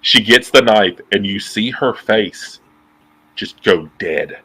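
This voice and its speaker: A thirties man with a nasal, fairly low voice speaks slowly with a breathy edge, and the audio quality is poor. He's a guest on a video call using earbuds, chatting casually and profanely in an interview, animated and waving his hands a lot. He's indoors in a dim room at home.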